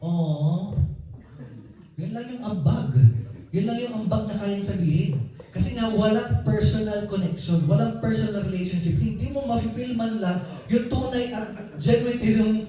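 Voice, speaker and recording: A man's voice: high voice, unhurried, dark tone. A man preaching a sermon in a personal, conversational storytelling way, heard in a church hall. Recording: very echoey hall, voice from far off.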